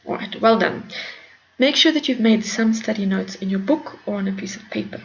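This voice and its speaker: A woman's voice: medium pitch, normal speed, creaky, a little hiss or hum. A woman teacher giving a recorded grammar lesson, explaining patiently step by step and encouraging her students. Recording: dull lo-fi recording.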